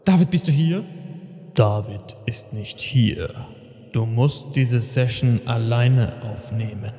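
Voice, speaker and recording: A man's voice: mid-range voice, slow, warm tone. A male podcast host in a comic intro skit, his voice altered by a cave-like echo effect, calling out in puzzlement.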